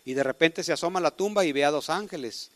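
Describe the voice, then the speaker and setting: A man preaching a sermon, emphatic, with sudden swings from soft to loud. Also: a little high, fast, no room sound.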